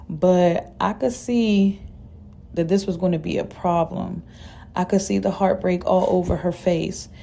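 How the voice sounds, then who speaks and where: Gravelly, dark-voiced woman storyteller. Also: fairly low pitch. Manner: dramatic, casual and profane. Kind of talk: first-person story narration.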